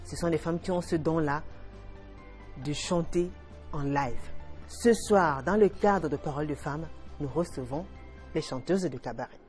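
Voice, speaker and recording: Low-voiced woman hosting a talk show. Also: a little slow, long pauses, soft background music. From Cameroon. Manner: expressive, emphatic presenting with lively swings. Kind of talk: studio talk show presenting.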